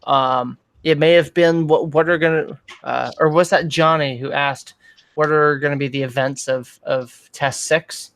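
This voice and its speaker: Higher-voiced man hosting a rambling lore chat. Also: fairly even intonation, unhurried, a bit bright, no room sound. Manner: rambling, many fillers and restarts. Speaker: podcast host. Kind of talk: casual chat. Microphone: video call.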